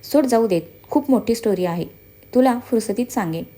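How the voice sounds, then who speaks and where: A woman's voice: a little high, expressive, normal speed, dark tone, lightly acted. Woman reading a teasing, confident young man.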